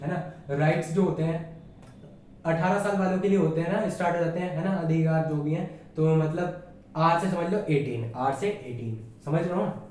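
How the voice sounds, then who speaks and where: A man's voice: fairly high pitch, a little mellow, slight background noise. A man teaching an exam-prep reasoning lesson in a casual, chatty way, often checking whether his listeners follow along. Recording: very echoey room, voice far from mic.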